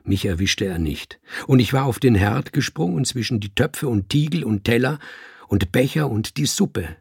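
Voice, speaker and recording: A man reading a first-person story aloud in slow, measured audiobook narration. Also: mid-range voice, lively intonation, gravelly, breathy edge, no echo, studio quality.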